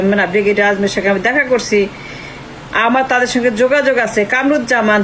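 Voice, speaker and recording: On a noisy phone call, an older woman with a Bangladeshi accent, a writer and activist, speaks earnestly and emphatically in a somewhat bright, high voice. She repeats herself and slips in English phrases.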